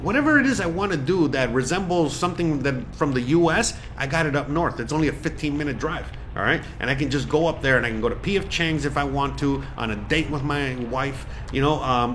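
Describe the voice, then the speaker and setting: A man's voice: medium pitch, a little fast, hardly any pauses, fairly bright tone, a little hiss or hum. Rambling man in his forties from Miami. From Miami, USA. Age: 40s. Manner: rambling, filler-heavy, emphatic. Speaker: vlogger. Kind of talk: casual vlog monologue.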